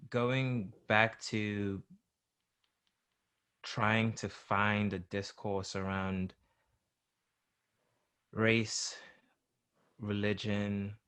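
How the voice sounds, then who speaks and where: A young man with a slightly low-pitched voice, chatting as a musician guest. He rambles, restarting sentences and leaning on fillers as he explains himself. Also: level tone, very slow, long pauses, fairly bright tone, smooth. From born in England, grew up in South Africa. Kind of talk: casual interview chat.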